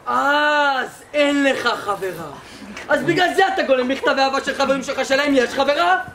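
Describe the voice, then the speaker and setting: A woman's voice: sits high, a crowd in the background. A young woman in an amateur school stage play, acting a strict, mocking squad commander who bullies recruits. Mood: accusing. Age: teen or young adult. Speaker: student actor. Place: school theatre hall. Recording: live stage, audience noise.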